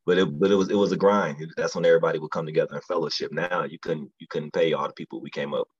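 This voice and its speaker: Very deep-voiced husky comedian man. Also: fairly even intonation, racing, no echo, lo-fi sound. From lives in Atlanta area. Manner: laid-back, slangy, storytelling with quoted voices. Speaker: stand-up comedian, guest. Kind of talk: casual podcast chat.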